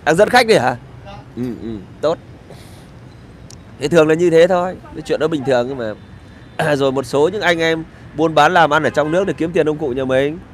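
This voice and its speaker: A man's voice: a little high, normal speed, a little hiss or hum. A middle-aged man, ranting sarcastically and crudely in a casual vlog from a street. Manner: sarcastic, crude and rambling, with swearing. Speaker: vlogger. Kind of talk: casual outdoor vlog rant.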